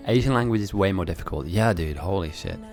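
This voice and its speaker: His voice is deep and darkish, expressive, and he talks fast. He's a man with an English accent, raised in Germany and Italy speaking German and Italian, who streams a game while reading viewer messages and chatting in a rambling, laugh-filled way. Faint music can be heard behind him.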